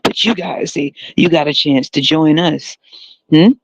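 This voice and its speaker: A man's voice: on the high side, unhurried, gravelly, breathy edge, dry recording. A man hosting a solo podcast, talking in a heavily sarcastic, mocking way and often laughing. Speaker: podcast host. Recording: dull lo-fi dry recording.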